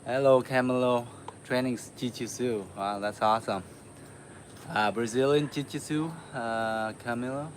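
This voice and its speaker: Man from Vietnam, martial arts livestream host, relaxed chat, filler-heavy, exercising while talking, faint background noise. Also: mid-range voice, a little slow. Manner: relaxed, chatty, many uh fillers, laughs often. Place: home in the city.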